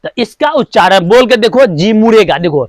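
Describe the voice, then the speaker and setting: High-voiced man drilling a grammar lesson. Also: animated, normal speed, dry recording. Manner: repetitive, asks and answers his own questions; drills sounds one by one. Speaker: teacher.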